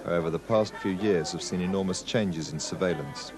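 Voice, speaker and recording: A man's voice: sits low, a little fast, over music. A man working as a reporter, narrating a documentary and asking interview questions. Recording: clear outdoor traffic noise.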